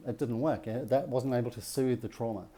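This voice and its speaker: Male workshop leader, middle-aged, very mellow warm tone, keeps asking his listeners "yeah?". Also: medium pitch, fairly quick. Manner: checks in with the audience with rhetorical questions and "yeah?". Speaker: relationship workshop speaker. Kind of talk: teaching talk to a group.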